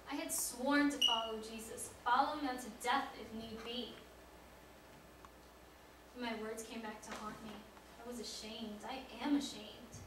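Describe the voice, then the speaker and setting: A woman's voice: fairly high pitch, very noisy, close to an everyday voice. A woman acting the part of a remorseful male apostle in a church drama monologue, earnest and building to pleading cries, heard from a distance in an echoey hall. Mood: somber. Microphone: far room mic.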